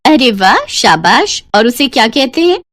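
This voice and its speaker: A woman's voice: on the high side, very animated, unhurried, dry recording, studio quality. A woman voicing a kind, encouraging female biology teacher in a cartoon. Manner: encouraging, warm to pupils. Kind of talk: cartoon voice acting.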